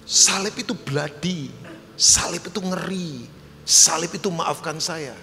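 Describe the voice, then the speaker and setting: A man pastor preaching a sermon in a church, animated and emphatic, joking with the congregation. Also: high-pitched, unhurried, creaky, slight background noise. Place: church hall. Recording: live church hall with long reverb.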